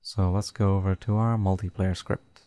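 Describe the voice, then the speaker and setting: A man narrating a screen-recorded coding tutorial, dictating code slowly and step by step. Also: low voice, flat delivery, dark tone, no room sound. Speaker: tutorial host.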